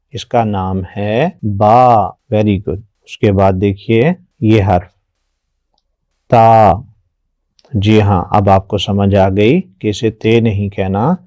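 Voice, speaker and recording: A man teaching children their letters, patient and encouraging, often praising and drilling slow repetitions. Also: on the low side, warm tone, no room sound. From Pakistan. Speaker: Quran teacher.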